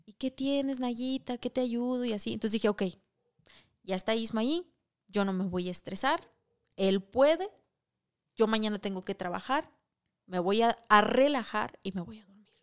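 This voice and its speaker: Young Mexican woman, podcast co-host, smooth clear voice, casual crude storytelling. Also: mid-range voice, moderate pace, long pauses. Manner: animated, crude slang-heavy storytelling.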